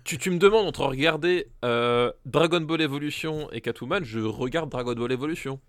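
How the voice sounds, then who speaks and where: A man co-hosting a film podcast in casual chat, animated and stumbling over repeated words as he complains. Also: mid-range voice, normal speed, no echo. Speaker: podcast co-host.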